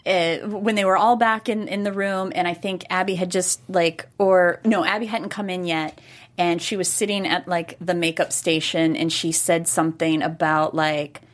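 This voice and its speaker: A woman's voice: on the low side, steady tone, normal speed. Woman host, casual chat, rambling with restarts.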